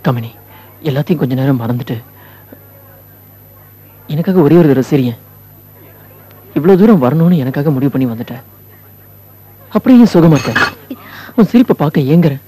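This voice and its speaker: A young lover in a dubbed film who keeps pressing and coaxing a woman. His voice is mellow and husky. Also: on the high side, lively intonation, moderate pace, pauses often. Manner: coaxing, insistent. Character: persistent young male lover, pleading and coaxing.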